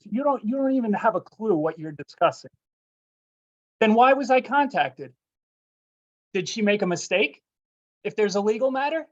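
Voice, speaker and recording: A man calling into a council meeting, combative and accusing as he presses officials for answers. His voice comes through a dull, lo-fi remote line that keeps breaking up. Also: sits high. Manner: confrontational, accusing. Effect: remote call audio breaking up. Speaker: resident speaking at public comment. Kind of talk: public comment at a council meeting.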